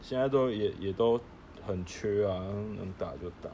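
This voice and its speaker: Low-voiced Taiwanese man, stammering chat. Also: moderate pace, dark tone, slight background noise. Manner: stammering, repeats words. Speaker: podcast co-host. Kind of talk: casual chat.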